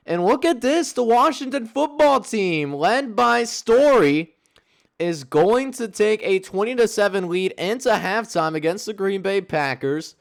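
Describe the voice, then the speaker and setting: A man commentating his own football video game like an announcer, in play-by-play style, stretching key words on big plays. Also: a little high.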